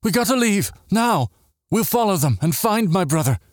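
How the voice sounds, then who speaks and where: A man's voice: medium pitch, sing-song, normal speed, darkish tone, no room sound, clean studio sound, pitched above the performer's own voice. A man voicing an urgent, earnest young woman.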